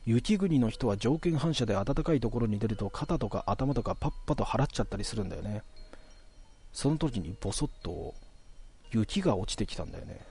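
A man casually telling a ghost story in a relaxed, conversational way, stretching out some phrases. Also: medium pitch, brisk, slightly rough.

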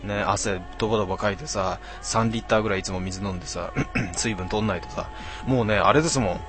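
A slightly tipsy man in his twenties rambles through viewer comments on his live stream, teasing himself in rough, slangy talk. His voice sits low. Soft music plays faintly behind him. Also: quick pace. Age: 20s. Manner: rambling, rough slangy self-mocking banter.

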